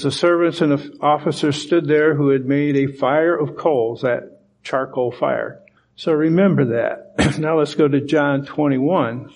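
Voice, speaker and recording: A man's voice: on the high side, darkish tone, highs cut off. A man preaching a sermon, reading scripture aloud and explaining it with emphasis. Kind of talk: sermon Bible teaching.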